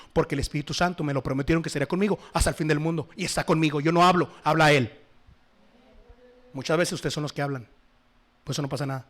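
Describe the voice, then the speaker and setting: Emphatic Spanish-speaking man preaching a sermon. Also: fairly high pitch. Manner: emphatic, swings between loud exhortation and soft asides. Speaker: pastor.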